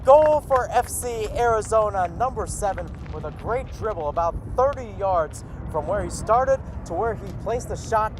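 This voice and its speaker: Calling a soccer match live for radio from outdoors at the field, a man speaks in a high-sitting, expressive voice at a moderate pace with few pauses. He uses short running phrases and asides, with background noise around him.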